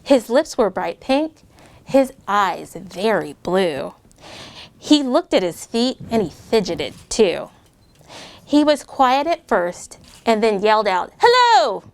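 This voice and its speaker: Reading a children's picture book aloud, a middle-aged American military officer performs the characters' lines with lively animation. She has a mid-range voice and reads slowly, with no room sound on the recording.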